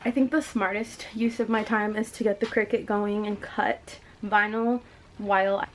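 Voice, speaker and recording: A woman's voice: on the high side, a little hiss or hum. A young woman, a balloon decor business owner, talking casually and rambling as she works in her indoor studio with a handheld camera, laughing often. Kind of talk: casual vlog talk.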